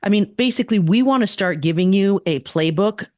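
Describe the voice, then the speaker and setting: A woman co-hosting a political podcast, talking emphatically with rhetorical questions and quick asides. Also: medium pitch, expressive, a little mellow, dry recording, clean studio sound. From daughter of immigrants. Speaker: podcast co-host. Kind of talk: casual political chat.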